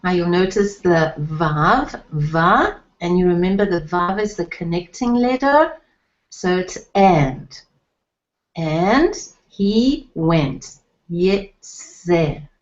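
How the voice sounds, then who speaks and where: Woman Hebrew teacher, slow careful lesson, lowish voice, muffled lo-fi sound. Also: expressive. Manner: patient, spells out sounds and letters. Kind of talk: slow, deliberate online lesson. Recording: dull lo-fi recording.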